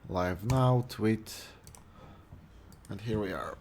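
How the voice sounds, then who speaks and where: A man playing a game on stream, chatting casually with quick quips and stammered restarts. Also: fairly low pitch, crowd noise. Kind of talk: casual gaming chat.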